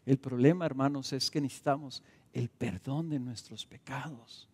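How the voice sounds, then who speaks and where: A man's voice: mid-range voice, moderate pace, darkish tone, breathy edge. A man preaching a sermon as a pastor, driving his points home with emphatic bursts and rhetorical questions. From Mexico. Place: church sanctuary. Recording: reverberant church hall.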